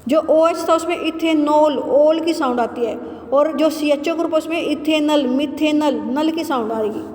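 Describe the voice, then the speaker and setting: A woman teacher giving a chemistry lesson, asking questions and answering them herself, repeating key terms slowly. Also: high-pitched, a little mellow, a little hiss or hum. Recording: roomy echo with long reverb.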